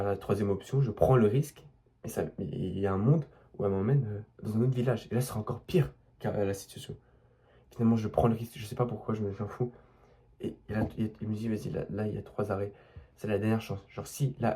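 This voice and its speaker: A young French vlogger tells a personal story in a rambling, unscripted way, full of restarts, fillers, and asides addressed directly to the listener. His voice is lowish and dark.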